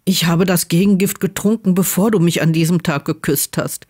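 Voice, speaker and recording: A woman voicing an earnest, troubled young male wizard who speaks quietly and insistently, close to her own voice. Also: on the low side, fairly even intonation, normal speed, husky. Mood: grave.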